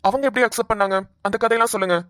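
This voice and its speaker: A woman's voice: a little high, steady tone, rapid-fire, fairly bright tone, dry recording, studio quality, lightly acted. A woman voicing a blunt, coaxing young male police officer in a cartoon. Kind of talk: cartoon voice acting.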